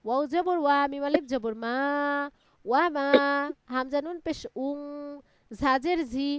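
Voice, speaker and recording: A woman's voice: high-pitched, measured pace, no echo. A woman teaching Quran reading in a live online class, chanting Arabic letters syllable by syllable and explaining recitation rules. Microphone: online class call.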